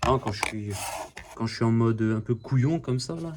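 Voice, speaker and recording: A man's voice: mid-range voice, normal speed, background noise. A man filming himself on a phone while working on his car, chatting nonstop in a joking way and swearing often. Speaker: DIY car repair vlogger. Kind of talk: casual chatty self-filmed video. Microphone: phone camera.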